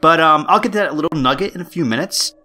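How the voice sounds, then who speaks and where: A man's voice: fairly high pitch, animated, fast, pushed and bright. A man hosting a podcast in a casual storytelling style, hesitant and jokey, often correcting himself. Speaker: podcast host.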